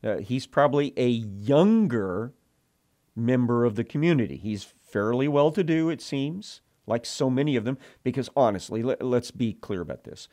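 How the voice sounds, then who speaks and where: A man's voice: medium pitch, animated, moderate pace, dark tone. A man teaching from the Bible, reading scripture and retelling it in earnest, emotional storytelling.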